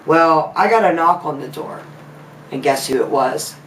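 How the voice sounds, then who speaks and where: A woman's voice: sits low, normal speed, a bit bright, recorded from a distance, a little hiss or hum. A woman vlogger venting angrily from her house, swearing often as she rants. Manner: profane, heated ranting. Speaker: vlogger and makeup artist. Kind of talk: angry venting vlog. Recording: echoey room, away from the mic.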